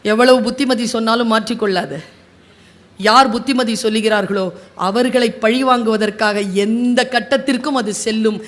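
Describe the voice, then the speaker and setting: A woman voicing a stern male lion king who judges a quarrel, speaking slowly and gravely. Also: a little high, steady tone, natural voice.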